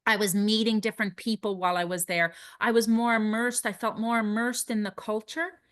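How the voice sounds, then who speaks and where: A chatty woman from Nova Scotia talks as a guest in a relaxed interview, telling her travel stories with open enthusiasm. Her voice sits at an ordinary middle pitch, heard over a video call. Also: brisk. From Nova Scotia, Canada. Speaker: family travel blogger, guest. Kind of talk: casual interview conversation.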